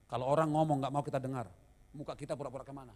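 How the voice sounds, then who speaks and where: A man's voice: medium pitch, steady tone, very fast, a little mellow. A middle-aged man preaching a sermon as pastor, mixing humorous stories with call-and-response to the congregation. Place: church hall. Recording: long church reverb.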